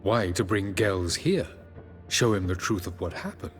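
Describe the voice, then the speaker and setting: An actor playing an aloof, ancient elven sage who speaks in a measured, formal, faintly sardonic way. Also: male voice, low voice, expressive, fairly bright tone. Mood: cool formal. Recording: game audio with music behind.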